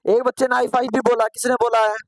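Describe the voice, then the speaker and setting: A man teaching a computer course in a live online class. He asks questions and answers them himself, repeats points, urges students to answer quickly and gently scolds and encourages them. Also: very high voice, flat delivery, dry recording.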